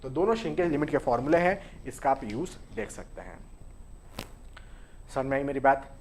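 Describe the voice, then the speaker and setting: A man's voice: mid-range voice, a little hiss or hum. A young man giving a live engineering lecture at a whiteboard, explaining step by step and asking rhetorical questions. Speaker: engineering teacher. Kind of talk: live online lecture at a board. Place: classroom at a whiteboard.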